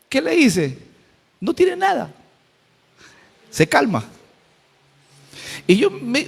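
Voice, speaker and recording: A male pastor with a very high-pitched, fairly bright voice and a Costa Rican Spanish accent preaches a sermon. He's colloquial and humorous, telling stories emphatically, in a church hall with long reverb.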